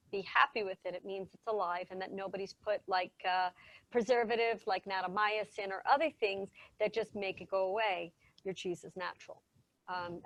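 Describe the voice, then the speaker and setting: Over a video call, a woman presents as a cheese expert, chatting enthusiastically and casually about how cheese is made while frequently correcting herself mid-sentence. Her voice is medium-pitched with no echo.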